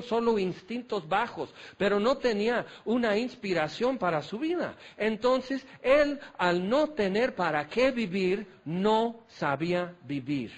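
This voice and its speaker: A man preaching a sermon, folksy and self-deprecating, hammering home points with repeated questions. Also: high-pitched. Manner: rhetorical, repetitive questioning.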